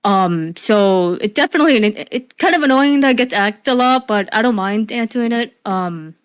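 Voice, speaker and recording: With a fairly high, expressive voice that is clear and resonant, a young streamer of Cuban origin living in the USA chats informally in an interview at a moderate pace. Her speech carries an impediment from hearing loss. She restarts and fills pauses often, and laughter comes readily.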